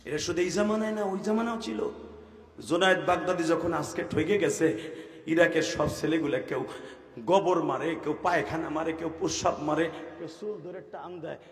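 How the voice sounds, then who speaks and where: A man preaching a waz sermon, swinging between hushed storytelling, sung chanting and loud shouting. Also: on the high side, normal speed, reverberant, big-room sound.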